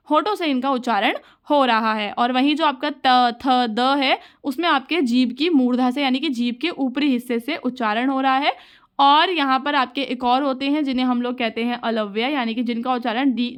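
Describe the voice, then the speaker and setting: A woman teacher explaining exam material patiently to her students, calling them children as she goes. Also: sits high. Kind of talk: exam-prep lesson.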